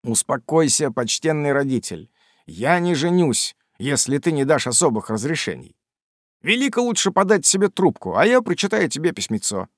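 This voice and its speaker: A quick-witted young son, played by a man reading aloud, teasing his father with a bright, mocking edge. The pitch sits a bit high and moves a lot, recorded close and dry. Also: very animated, dry recording. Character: Sam Weller, a cheeky young man.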